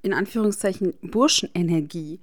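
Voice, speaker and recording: A woman's voice: on the low side, moderate pace, lightly acted. A woman voicing a cheerful, cocky teenage wizard boy with a playful, easygoing manner.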